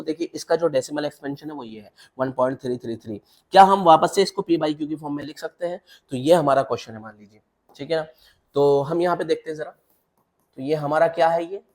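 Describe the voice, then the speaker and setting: A man's voice: a little high, darkish tone. A man teaching a maths lesson, walking step by step through examples and checking in with the class. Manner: repetitive checks with the class, mixing English terms into Hindi. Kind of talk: classroom lecture.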